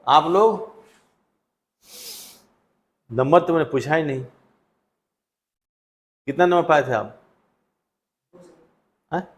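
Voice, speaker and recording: A man's voice: a little high, slow pace, long pauses. A male teacher going through test answers with students in a classroom, conversational and full of questions to them. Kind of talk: classroom test solution lecture.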